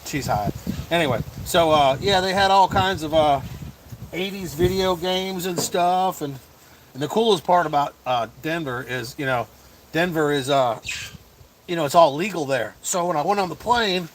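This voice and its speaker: A middle-aged man hosting a casual livestream chat as a comedian, rambling with lots of fillers and quick chuckles. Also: a little high, a little hiss or hum. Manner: chuckling, full of fillers and restarts.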